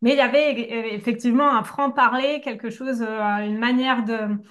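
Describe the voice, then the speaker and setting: Hesitant young woman, fairly high voice. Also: steady tone, moderate pace, a bit bright. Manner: hesitant, many fillers, giggly. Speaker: co-host. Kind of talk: casual podcast chat.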